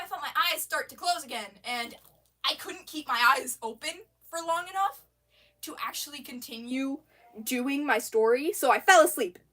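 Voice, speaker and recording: A woman rambling casually on a livestream, full of fillers and restarts, excitable and quick to laugh. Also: high-pitched.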